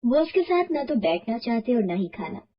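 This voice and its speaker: A woman's voice: a little high, moderate pace, dull audio. Woman narrating a moral story. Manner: steady, explanatory. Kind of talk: scripted narration.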